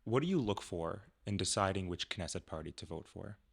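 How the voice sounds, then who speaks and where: Low-voiced male interviewer. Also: expressive, a little fast, vocal fry, slightly rough.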